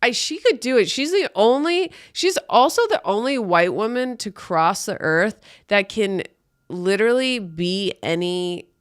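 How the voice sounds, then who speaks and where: A woman with a mid-range, animated voice hosts a comedy podcast at a measured pace, riffing bluntly with swearing, exaggeration and irreverence and breaking into mock voices. The sound is clean, studio quality, with no room sound.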